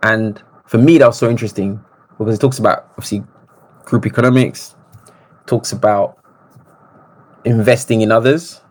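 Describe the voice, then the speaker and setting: A man, telling stories as a podcast guest in an animated, reflective way. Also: lowish voice, moderate pace, long pauses. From Congo. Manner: reflective, animated storytelling with restarts. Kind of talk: casual interview conversation.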